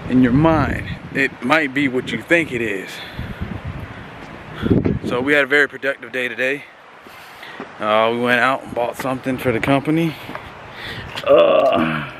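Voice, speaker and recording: Man vlogging casually outdoors in loud wind. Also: medium pitch. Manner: informal, folksy, addresses viewers as guys. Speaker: vlogger showing equipment bought for a business. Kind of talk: casual rambling vlog walkthrough. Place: outdoors on a windy day. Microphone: handheld camera, flipped between self and subject.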